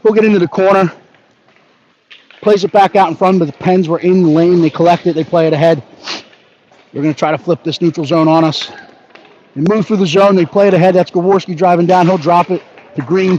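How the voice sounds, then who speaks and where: A man giving brisk live hockey play-by-play, narrating each pass and leaning toward the home team. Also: high voice, a little mellow. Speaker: play-by-play announcer. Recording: dull lo-fi audio with faint background noise.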